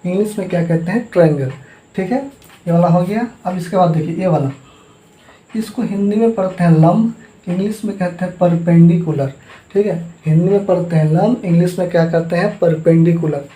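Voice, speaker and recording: A man's voice: high-pitched, a little fast, mellow. Man drilling math terms, call-and-response. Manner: repeats each term and asks students to say it back. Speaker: math teacher. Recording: echoey room.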